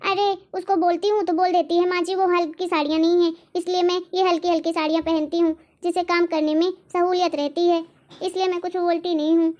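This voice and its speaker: A woman voicing a kindly, reasonable older mother-in-law in a cartoon, speaking in a gentle, motherly way. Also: very high-pitched, level tone, a little fast. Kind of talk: animated cartoon voice acting.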